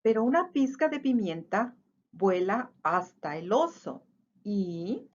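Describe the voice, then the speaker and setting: A woman reading a children's picture book aloud in an expressive, sing-song way. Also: mid-range voice, takes it slowly, highs cut off. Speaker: storyteller.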